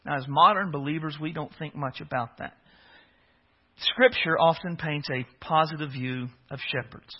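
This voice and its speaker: A man preaches with earnest, emphatic stresses, stopping now and then to restart a phrase. His voice sits somewhat high for a man. The audio is dull and lo-fi. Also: normal speed. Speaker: pastor. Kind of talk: sermon.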